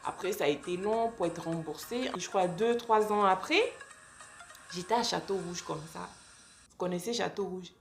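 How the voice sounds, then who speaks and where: A woman's voice: fairly low pitch, moderate pace. Young woman vlogger, exasperated storyteller, roomy sound with faint music. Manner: animated, exasperated storytelling with acted quotes. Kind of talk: storytime vlog.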